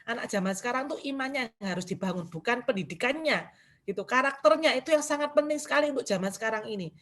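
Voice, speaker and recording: A woman's voice: on the high side, animated, fast talker, a bit bright. A middle-aged woman, sharing a candid personal testimony at a church women's gathering in a conversational tone. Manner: candid, conversational, with frequent casual fillers. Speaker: church member giving testimony.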